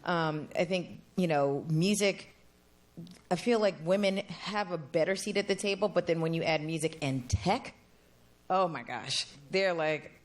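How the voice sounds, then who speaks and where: Low-voiced woman, team leader, measured and candid on a panel. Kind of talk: panel discussion.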